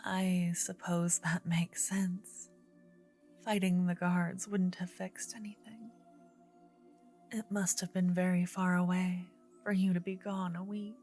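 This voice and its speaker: A woman plays an earnest, gentle druidess in a fantasy ASMR role-play. The female voice is soft and rather low, moving between breathy soft voice and murmur. Delivery is very slow and intimate, with pauses, over quiet music. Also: level tone. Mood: curious, marveling. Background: soft medieval ambience and music.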